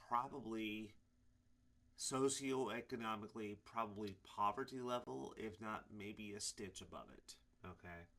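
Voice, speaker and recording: Casting: man in his 40s, deep voice, preacher telling his own story, loose and rambling, lots of ums. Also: fairly bright tone. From Illinois, USA. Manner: rambling, many fillers and restarts. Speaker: preacher giving his testimony. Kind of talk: casual personal testimony to camera.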